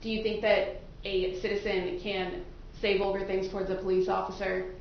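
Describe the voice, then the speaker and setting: In a large indoor courtroom, a woman attorney questions a panel of prospective jurors, politely probing and repeating their answers back to them. Her mid-range voice is creaky, with little pitch movement, at normal speed. The distant mic makes the sound very echoey and muffled, with faint noise.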